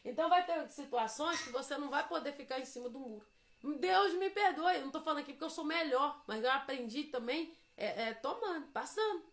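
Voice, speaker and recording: A woman's voice: high voice, animated, fast talker, few pauses, fairly bright tone. A Brazilian woman giving a devotional testimony, telling her story emphatically and acting out the dialogue.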